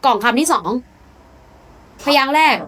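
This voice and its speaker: A woman's voice: high voice, moderate pace, fairly bright tone. A woman teaching beginners in a classroom, patiently repeating syllables one at a time. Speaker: Korean language teacher. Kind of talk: beginner spelling drill lesson.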